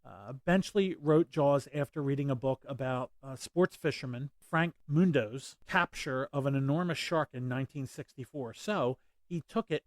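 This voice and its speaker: A man's voice: mid-range voice, normal speed, hardly any pauses, dry recording. A man hosting a casual movie commentary, rambling with many fillers and restarts. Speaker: podcast host.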